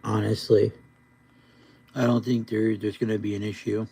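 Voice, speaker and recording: A man with a very dark, husky voice chats to a livestream in a laid-back stoner drawl. He rambles and repeats himself, keeping a flat, gravelly tone throughout. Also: lowish voice, moderate pace. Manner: repetitive, rambling. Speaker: live streamer. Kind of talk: casual rambling livestream chat.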